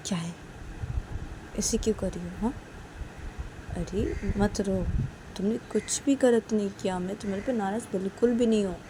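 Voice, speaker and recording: A woman's voice: medium pitch, moderate pace, long pauses, background noise, voice pushed up, natural voice. A woman voicing Sanju, a worried young lover who urgently soothes and reassures a crying partner in a spoken love story. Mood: soothing.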